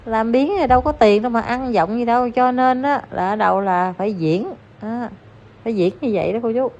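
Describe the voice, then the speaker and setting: A woman's voice: fairly high pitch, fairly quick, darkish tone. A woman with a Southern Vietnamese accent giving chatty, scolding gossip commentary straight to her viewers. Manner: chatty, scolding, addresses listeners as aunts and uncles. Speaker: online commentator. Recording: dull lo-fi recording with faint noise.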